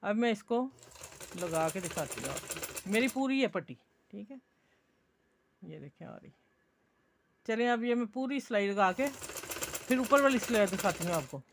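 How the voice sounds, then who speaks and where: Woman, Pakistani Urdu accent, sewing teacher, homely encouraging talk, middle pitch, faint hiss. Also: animated, a little slow, pauses often. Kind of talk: stitching tutorial.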